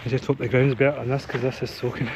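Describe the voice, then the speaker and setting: A man with a Scottish accent and a mid-range voice talks casually as he films himself camping. He gives an unhurried running commentary, as if thinking aloud. The sound comes from an action camera mic in the open, with some faint outdoor noise around him. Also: medium pitch, level tone. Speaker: solo wild camper and vlogger. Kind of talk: casual outdoor vlog chat. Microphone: action camera with media mod microphone. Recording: outdoor wind and ambient noise.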